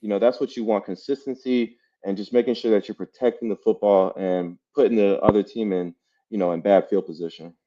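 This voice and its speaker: Guy with a lowish voice chatting football, lots of you know, kinda muffled lo-fi audio. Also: brisk. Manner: relaxed, repeats himself, many "you know"s. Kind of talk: casual sports chat. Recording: dull lo-fi sound.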